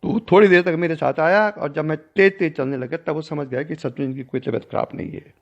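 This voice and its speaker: Older man with a gravelly voice telling a spiritual story. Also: steady tone, fairly quick. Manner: storytelling, acting out dialogue with shifts in pitch and loudness. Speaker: spiritual teacher. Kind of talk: recounting a personal story in a discourse. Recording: dull lo-fi recording.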